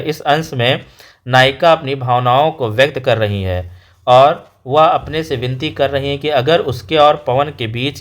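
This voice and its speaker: A man teaching a board-exam lesson step by step, addressing students directly. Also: mid-range voice.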